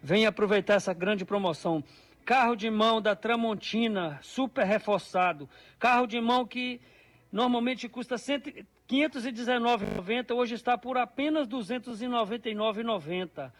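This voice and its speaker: Man, high-pitched voice, salesman, repetitive live pitch to customers. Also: moderate pace, a bit bright. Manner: repetitive, listing offers to customers. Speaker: store salesman.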